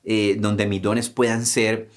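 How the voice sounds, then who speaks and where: A man's voice: fairly low pitch, little pitch movement, takes it slowly. Man preaching with dramatic rhetorical questions. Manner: dramatic, acts out cries and quotes in a raised voice; asks rhetorical questions, adds "¿mm?" and "¿sí?". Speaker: pastor. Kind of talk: sermon.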